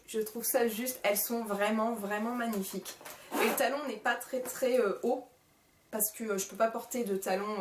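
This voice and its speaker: A woman talks through a shopping haul in casual vlog style, gushing with lots of fillers, recorded on a camcorder mic. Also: a little high. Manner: gushing, with frequent fillers and repeated praise. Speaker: vlogger. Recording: roomy echoey room.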